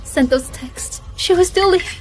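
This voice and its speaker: A woman's voice: extremely high pitch, moderate pace, faint music behind. A woman voicing a bitter, taunting young mistress in a dubbed drama.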